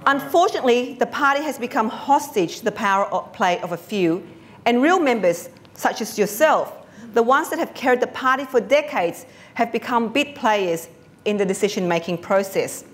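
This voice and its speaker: A woman's voice: on the high side, animated, moderate pace. A middle-aged woman speaks at a lectern in a conference hall in a mid-range voice. Her delivery is formal, earnest and composed. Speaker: former councillor.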